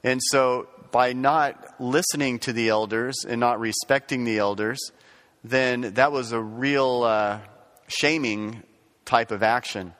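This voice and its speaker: A man teaching a Bible class in a loose, folksy way, full of "uh"s and restarts. His voice sits at a middle pitch. The room around him rings with a long reverb. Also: fairly even intonation, takes it slowly, a bit bright. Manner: folksy, rambling, many fillers and restarts. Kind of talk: casual classroom lecture.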